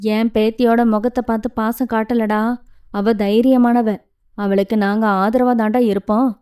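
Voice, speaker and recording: A blunt old grandmother speaks up protectively for her family, as a woman narrator voices her. The voice is mellow and dark. She talks in a plain, direct way. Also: a little high, little pitch movement, normal speed, clean tone, lightly acted.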